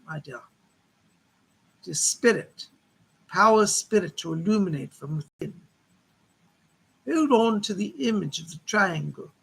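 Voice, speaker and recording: A genteel, motherly lady spirit played by a man as a trance seance medium consoles gently and solemnly. The voice is husky and creaky, with a bright edge, and speaks in old-fashioned reassurances. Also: high voice, heavily acted, poor audio.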